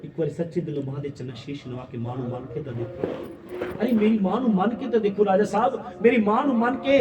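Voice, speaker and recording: A man voicing a soft devout queen. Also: sits high, brisk, noisy background, lightly acted. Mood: tender. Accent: Punjabi. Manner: soft, reassuring. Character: devout gentle queen consoling the king. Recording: echoey hall, distant dull mic, crowd.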